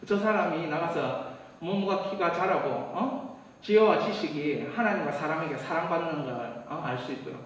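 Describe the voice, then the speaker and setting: Pastor, male, conversational sermon, high voice, heavy room echo, distant mic. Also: normal speed. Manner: animated, conversational preaching with laughs and asides. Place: church sanctuary.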